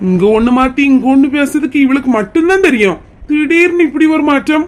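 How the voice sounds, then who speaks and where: A woman's voice: high voice, animated, brisk. A woman with a Kanyakumari Tamil accent playing a tired married son who pleads with his mother and defends his wife in a comedy skit. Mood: exasperated. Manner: exasperated and placating.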